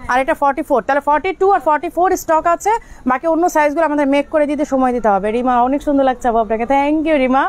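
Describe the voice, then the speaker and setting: A high-pitched woman shows off clothes in a rapid, chatty stream from inside a shop. She repeats her points and breaks off to give directions to staff. A faint room hum sits behind her voice. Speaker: shop seller hosting a live clothing sale. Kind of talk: live product showcase. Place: indoors in a clothing shop outlet.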